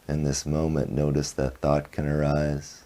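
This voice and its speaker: Speaking as a meditation teacher, a man guides the session with a very low, mellow voice that scarcely rises or falls. He moves slowly from one short phrase to the next, with long gaps between them.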